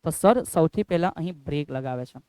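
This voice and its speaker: A man with a Gujarati accent teaching physics in an energetic lecture style, repeating key phrases and calling students beta. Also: a little high, a little fast, smooth, no echo. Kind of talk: animated classroom lecture.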